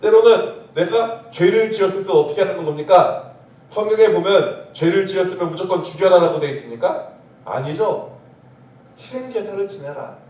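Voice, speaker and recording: A man's voice: sits high, normal speed, a little mellow. A man preaching a sermon as pastor. He keeps asking the congregation questions and then answers them himself. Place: church sanctuary. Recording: echoey church from far off.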